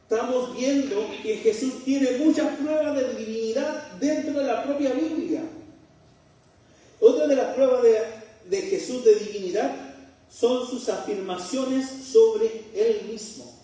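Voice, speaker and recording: A man's voice: very high-pitched, a little slow, warm tone. A middle-aged man from Chile with a Chilean accent, preaching a sermon and putting rhetorical questions to his congregation with joking asides. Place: church hall. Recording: very echoey room, mic far off.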